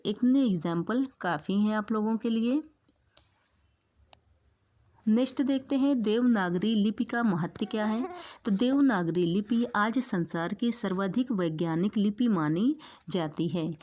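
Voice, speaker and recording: Woman teacher going over exam stuff, explains and repeats the main points, mid pitch voice. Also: warm tone. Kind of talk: exam-prep lecture.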